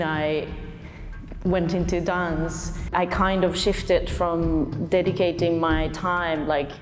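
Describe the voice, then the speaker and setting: Young dancer, woman; hesitant, reflective telling, slightly low pitch, long reverb, faint music under. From Japan. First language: Japanese. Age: young adult. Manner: hesitant, with many fillers. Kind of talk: reflective interview talk.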